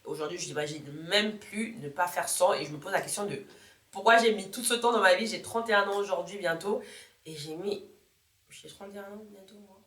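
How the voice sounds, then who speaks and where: A woman's voice: medium pitch, fairly quick, a bit bright. A woman in her thirties talking casually to her viewers in a motivational vlog, chatty and repeating words for emphasis, often correcting herself as she goes. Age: 30s. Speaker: YouTuber. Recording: echoey room.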